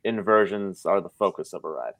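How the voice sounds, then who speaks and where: A man's voice: deep voice, animated, brisk. A man chatting casually as a podcast guest, giving his opinions in a conversational, explanatory way.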